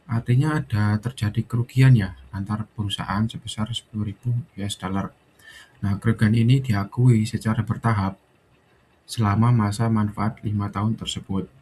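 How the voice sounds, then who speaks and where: A young man gives an explanatory student presentation in a fairly low, warm voice, frequently adding little check-in tags. Faint background noise is audible in the recording.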